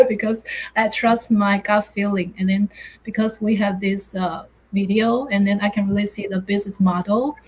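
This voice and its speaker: A woman's voice: medium pitch, a little mellow, husky, poor audio. A middle-aged woman from Taiwan, hosting a live online chat over a video call in a chatty, hesitant way, full of "uh" and "you know". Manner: chatty, hesitant, with many fillers. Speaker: host.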